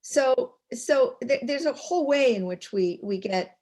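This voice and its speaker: A woman's voice: high-pitched, animated, measured pace, a little mellow. An older woman telling a story as a guest speaker in a fireside chat. She restarts and repeats words as she goes.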